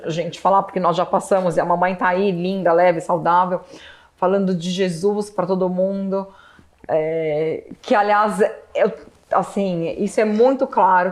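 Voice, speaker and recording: An adult woman recounting a hard family memory in relaxed conversation. Her voice is of middle pitch and grows animated when she acts out the lines of the people in her story. She turns tearful at emotional points. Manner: animated, acts out quoted dialogue. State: tearful at times. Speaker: daughter sharing family story.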